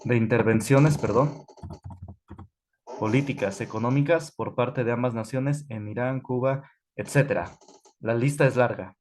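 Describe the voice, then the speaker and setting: A man's voice: medium pitch, measured pace, a little mellow. Man teaching history. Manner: conversational, frequent fillers and self-corrections. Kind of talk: online class lecture while typing notes.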